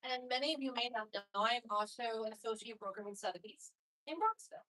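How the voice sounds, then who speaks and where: Bright breezy woman introducing herself. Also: fairly high pitch, quick pace, rough recording. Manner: breezy, self-deprecating humor. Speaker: real estate broker and council chair. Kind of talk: short self-introduction.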